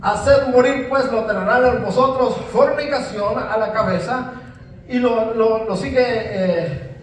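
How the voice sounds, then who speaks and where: High-voiced preacher in echoey church. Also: male voice, slight background noise. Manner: emphatic, repeats words and says amen often. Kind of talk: sermon. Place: church hall. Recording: very echoey church hall, mic at a distance.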